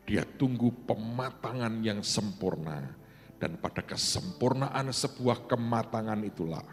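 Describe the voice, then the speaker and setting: A middle-aged man preaching a sermon, animated and swinging from loud exclaiming to hushed asides. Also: mid-range voice. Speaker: pastor. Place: church hall. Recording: long hall reverb with faint music behind.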